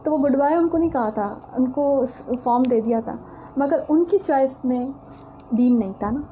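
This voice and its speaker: A woman's voice: high voice, dark tone, slight background noise, low-quality recording. A woman from Pakistan giving a religious lecture as a teacher, telling a personal story in an earnest way and speaking straight to her listeners.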